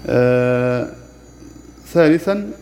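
A man teaching the rules of Quran recitation, explaining plainly with pauses of "aah" and slowing down to chant the verses he quotes. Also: mid-range voice, animated, warm tone. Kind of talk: tajweed lesson with recited examples.

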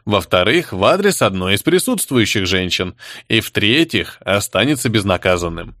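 A man reads a fantasy audiobook aloud in a lively voice that swings widely in pitch. He voices the female figures higher than his own voice. The sound is dry and close, with no room echo. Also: normal speed. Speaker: audiobook narrator. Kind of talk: scripted narration.

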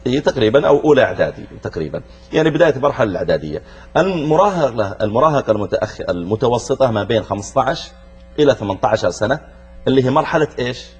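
This middle-aged preacher from Saudi Arabia talks very quickly to a young audience on his youth program, his mid-range voice swinging widely in pitch with a breathy edge. Engaging and direct, he peppers listeners with questions. The audio has its highs cut off.

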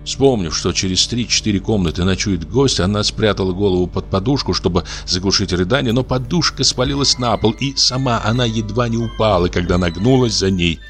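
A man narrating a literary story in a measured, expressive reading. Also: lowish voice, soft background music. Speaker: audiobook narrator.

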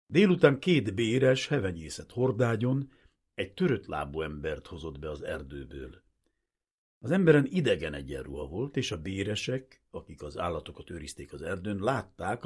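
Deep husky man reading a novel. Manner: measured, expressive storytelling. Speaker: audiobook narrator. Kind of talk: literary audiobook narration.

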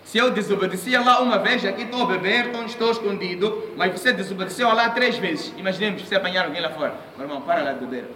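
High, bright-voiced man preaching. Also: racing, few pauses. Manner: animated storytelling, acting out quoted voices. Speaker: Islamic preacher. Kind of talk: sermon. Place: mosque. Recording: echoey room, mic at a distance.

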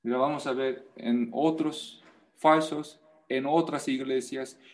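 Guy preaching a sermon, slow, lifts to loud emphasis, keeps asking the crowd questions. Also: mid-range voice. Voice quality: animated, rising to loud emphasis. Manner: non-native Spanish, emphatic repetition, rhetorical questions. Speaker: pastor.

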